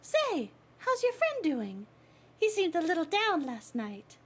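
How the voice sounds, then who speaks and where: A woman's voice: very high voice, wildly swooping pitch, takes it slowly, a little hiss or hum, full character voice. A woman voicing a polite, chatty young lady bird in a video game, genteel and candid. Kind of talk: video game character voice read aloud.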